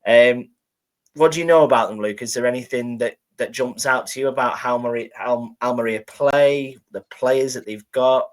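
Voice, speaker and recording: A man hosting a casual football podcast, relaxed and rambling. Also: medium pitch, moderate pace, rough recording. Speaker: podcast host.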